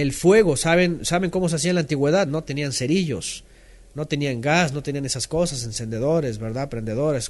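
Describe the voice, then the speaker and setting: A man giving a teaching sermon, talking in a conversational way and often checking in with his listeners. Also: fairly high pitch. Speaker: Bible teacher.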